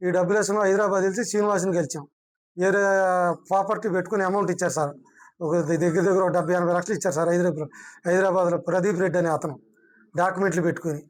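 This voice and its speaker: A man with a high voice speaks fast and urgently to a reporter. He recounts being cheated, addressing the reporter politely as sir. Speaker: fraud victim.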